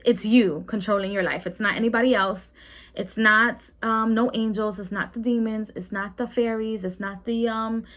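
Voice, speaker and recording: A young woman giving a casual weekly tarot reading, rambling and repeating herself with many ums and restarts. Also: mid-range voice. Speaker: tarot reader.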